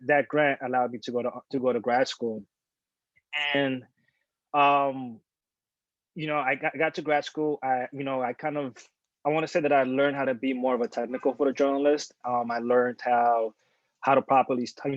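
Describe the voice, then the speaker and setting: A man's voice: medium pitch, moderate pace, no echo. Man telling his story, dull dry sound. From born in Dominican Republic, grew up in New York. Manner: relaxed and candid, with many fillers and restarts. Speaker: photojournalist. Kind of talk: casual talk at a panel. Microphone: video call.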